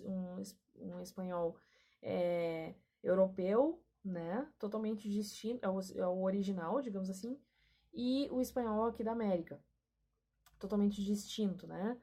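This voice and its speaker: A language teacher from Rio Grande do Sul in southern Brazil, speaking with a Gaúcho Brazilian Portuguese accent, gives a casual lesson and often ends sentences with a questioning aside. Her voice is a little high and a little mellow.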